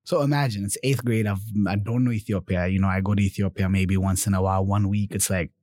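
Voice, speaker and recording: A young man from Germany talks through his own story in a relaxed interview, with a lowish voice and dry, close sound. He is animated, checking in with "right?" and "you know" as he goes. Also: quick pace, dry recording. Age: 20s. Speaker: guest. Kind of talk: casual interview conversation.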